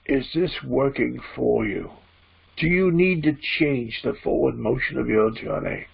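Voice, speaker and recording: Man as gravelly seance medium channeling a spirit. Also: medium pitch, heavily acted. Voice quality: gravelly, husky. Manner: seance medium manner, preachy, deliberate, emphatic repeated phrasing. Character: spirit guide speaking through a trance medium, solemn teacher. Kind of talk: trance-channeled spiritual teaching. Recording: dull, muffled lo-fi audio.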